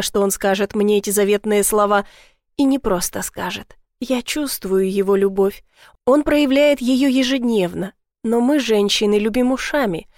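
A woman's voice: mid-range voice, a little mellow, dry recording, studio quality. Woman narrating an intimate romance. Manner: intimate, emotional storytelling. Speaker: audiobook narrator. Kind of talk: first-person romance narration.

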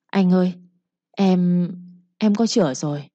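A stubborn young village daughter talks back and pleads, higher and louder than the narration, voiced by a woman narrator. The tone stays warm and soft-edged on a dull, lo-fi storybook recording. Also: unhurried, no room sound. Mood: defiant pleading.

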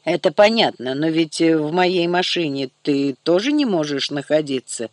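Guy doing a curt slangy tough dude, impatient, kinda high voice. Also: expressive, moderate pace, no room sound, lightly acted. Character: brisk gangster-like young man, blunt and busy.

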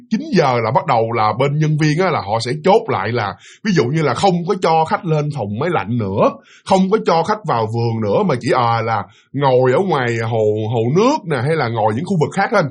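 A man with a Southern Vietnamese accent narrates a ghost story in a husky, fairly high voice. His pitch swings widely and he races along, talking straight to his listeners like a friend. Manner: chatty, addresses listeners directly.

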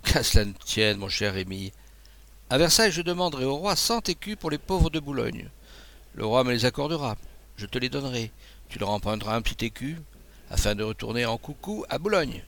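A male reader as a self-assured officer with a teasing, brisk delivery and a gravelly edge. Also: medium pitch, animated, fairly bright tone. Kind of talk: audiobook dialogue.

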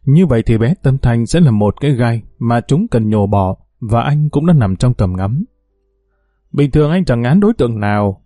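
Man reading a story aloud, calm measured, mellow and dry. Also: mid-range voice, dry recording. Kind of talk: audiobook story narration.

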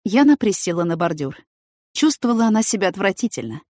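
A woman's voice: medium pitch, big pitch swings, quick pace, darkish tone, dry recording, clean studio sound. A woman narrating a novel as an audiobook, reading steadily and evenly.

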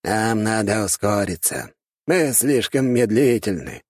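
A greedy old elder , played by a male narrator, grumbles in a husky voice set well above the narrator's own. He sounds envious and impatient. The recording is dry and close. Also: on the low side, expressive, measured pace, no room sound, voice pushed up. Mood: grumbling.

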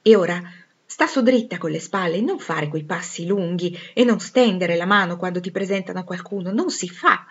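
A woman voicing a vain, proper young woman in a storybook reading, her voice raised higher than her narration. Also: normal speed, breathy edge, highs cut off. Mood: prim.

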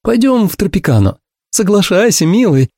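A man performs an audiobook character voice, playing a chattering young woman in an exaggerated, piercing, shrill tone that is sing-song and darkish at a moderate pace. She gushes effusively, sprinkling every phrase with endearments. The recording is dry and studio quality.

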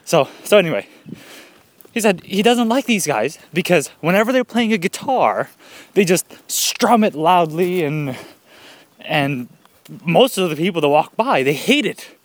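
A man tells a meandering story outdoors, a little winded and laughing between thoughts. His voice sits a bit high and swings up and down freely. The sound is close and dry. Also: very animated, a little slow, dry recording. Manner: rambling, laughs often. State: slightly out of breath. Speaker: vlogger. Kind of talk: casual storytelling. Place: outdoors, birds nearby.

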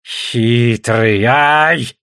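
A man's voice: high-pitched, moderate pace, no room sound, studio quality, voice pushed up. A man voicing a chatty, pushy young native man who pleads in broken phrases. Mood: insistent. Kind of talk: audiobook character voice.

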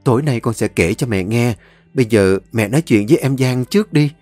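A man voicing a caring elder sister who speaks in a gentle, coaxing way. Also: medium pitch, a little fast, dry recording, soft background music, lightly acted. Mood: reassuring.

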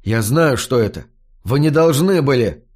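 A man's voice: mid-range voice, lively intonation, moderate pace, darkish tone, breathy edge. A man voicing a guilty young man who grumbles and mutters his lines in an audiobook. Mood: grumbling.

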